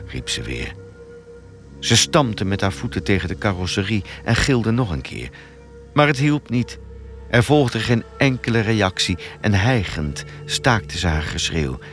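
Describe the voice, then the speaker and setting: A man narrating a thriller audiobook with an expressive, dramatic reading. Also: fairly low pitch.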